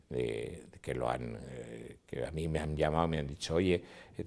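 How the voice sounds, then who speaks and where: A man's voice: deep voice, vocal fry, a little mellow. An older man, a cinematographer telling stories in an interview, acting out dialogue and sounds. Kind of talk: interview reminiscence.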